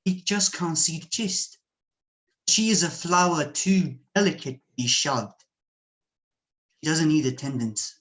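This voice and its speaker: A Bosnian man whose native language is Serbian reads his own poetry at an online open mic, speaking slowly and with measured deliberation. His voice is fairly high and fairly bright, picked up by a home computer microphone.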